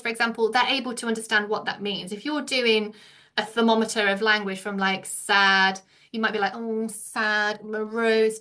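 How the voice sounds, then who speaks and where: Woman, English accent, middle-aged, bright clear tone, teacher trainer, explanatory, poses questions to the room. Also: mid-range voice. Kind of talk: presenting a training session.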